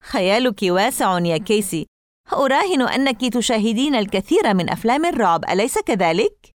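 A woman's voice: fairly high pitch, lively intonation, brisk, no echo, studio quality, lightly acted. A woman reading aloud and voicing a mocking, dismissive young boy in an audiobook. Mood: scoffing. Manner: sarcastic, dismissive. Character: scoffing, mocking boy of about twelve.

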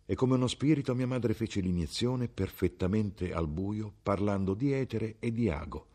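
A man giving a measured, expressive literary reading of a novel. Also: on the low side. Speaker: audiobook reader. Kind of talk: scripted literary narration.

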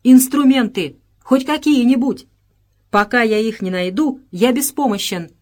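A woman reading the lines of a practical, determined male engineer in an audiobook, who talks to himself in brisk, earnest bursts. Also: mid-range voice, lively intonation, darkish tone, lightly acted. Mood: urgent. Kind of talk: audiobook character voice.

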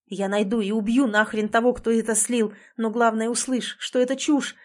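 Woman voicing a young man, heated, insistent, gruff, audiobook. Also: on the high side, fairly even intonation, normal speed, natural voice. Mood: heated, pleading. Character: angry young man pleading with his girlfriend.

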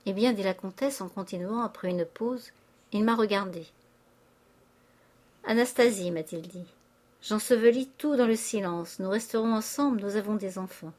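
A woman's voice: mid-range voice, a little mellow, close to an everyday voice. A woman reading aloud, voicing a distraught young aristocratic wife making a tearful confession. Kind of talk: audiobook character reading.

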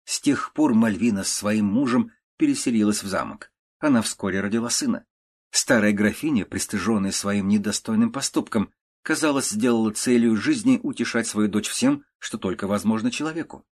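A male narrator reads an old prose tale in a steady, measured audiobook style. His voice sits on the low side. He keeps an even storytelling pace. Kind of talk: audiobook reading of classic prose.

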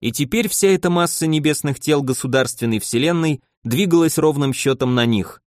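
A man's voice: fairly high pitch, moderate pace, no room sound, studio quality. Man narrating an audiobook. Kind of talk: scripted narration.

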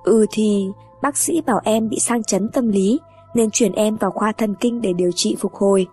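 A woman voicing a worried young husband who talks in a halting, apologetic way in an audio horror story. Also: sits high, darkish tone, husky, soft background music.

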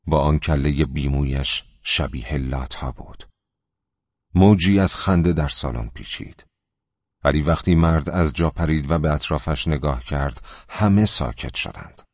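A man narrating an audiobook in a measured, even storytelling manner. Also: a bass voice, no echo, lo-fi sound.

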